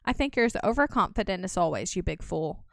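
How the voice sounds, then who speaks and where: A woman voicing a teasing, quick-tempered young woman in a video game. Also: fairly low pitch, lively intonation, gravelly, a bit bright, no echo, studio quality. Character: feisty young woman, teasing and sharp-tongued.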